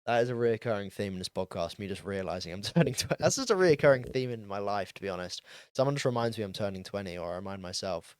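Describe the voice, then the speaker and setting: A man's voice: lowish voice, lively intonation, quick pace, clean tone, dry recording, clean studio sound. A young man in his late teens hosting a solo podcast, rambling in a casual, self-deprecating way with lots of ums and likes. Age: young adult, turning twenty. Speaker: podcast host.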